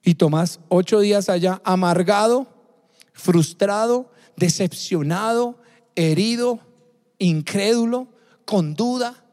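A man preaches in a fairly high yet mellow voice, hammering his points home by repeating phrases. His sermon rings out with a long hall reverb around it. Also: slow pace. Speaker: pastor.

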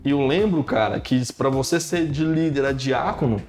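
A man in his thirties, a pastor, tells stories in a relaxed podcast conversation, sprinkling his speech with "cara" and "né". His mid-range voice moves at a normal speed over soft background music, and his storytelling is animated.

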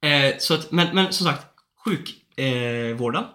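A man's voice: medium pitch, sharp tone. A young man chatting casually, telling a story with lots of swearing and acted-out phone calls. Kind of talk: casual chat. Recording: roomy echo.

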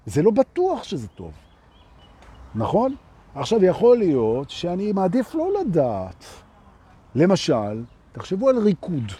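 Man, spiritual teacher, live talk: husky, dark voice, rhetorical, melodic swings. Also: mid-range voice. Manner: rhetorical, keeps asking "right?"; lively, swings between loud and soft. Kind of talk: live spoken talk to an audience. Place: outdoors with street noise.

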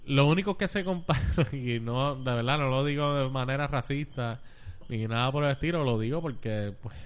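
A man's voice: medium pitch, normal speed, clear, resonant tone. A Puerto Rican man who works in a call center, talking bluntly and with lots of swearing in a casual chat. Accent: Puerto Rican Spanish. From Puerto Rico. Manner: blunt and profane, mixes in English.

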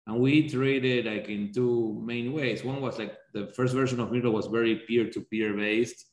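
A man's voice: mid-range voice, fairly even intonation, normal speed. A man speaking as a startup executive on a panel, casual and blunt, restarting his phrases often. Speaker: startup executive, interview guest. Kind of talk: informal business panel discussion. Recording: roomy, echoing sound.

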